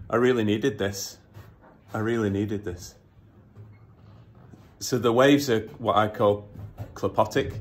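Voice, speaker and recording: A man, filming himself on a phone in an indoor workshop as he builds a kayak, talking in a gushing, emotional way with lots of halting restarts. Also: on the low side. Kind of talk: casual selfie vlog. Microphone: phone at arm's length.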